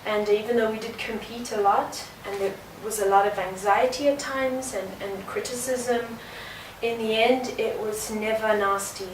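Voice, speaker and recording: A woman, a dancer answering interview questions in an earnest, reflective way, pausing on fillers. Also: fairly high pitch, fairly even intonation. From South Africa. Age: early 20s. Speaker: guest dancer. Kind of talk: conversational interview. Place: indoor art venue. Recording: roomy, distant mic, noisy background.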